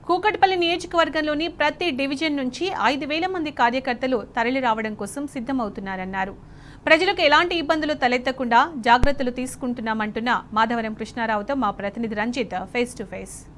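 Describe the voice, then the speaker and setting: A woman reading a scripted news introduction as an anchor in a crisp, measured way. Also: sits high, fairly bright tone, a little hiss or hum.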